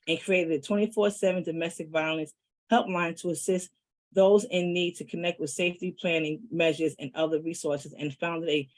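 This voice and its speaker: Host reading a formal introduction. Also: female voice, low voice, darkish tone, rough recording. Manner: reads formally, with a few "um" fillers at the start. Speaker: meeting host introducing the guest. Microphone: video call.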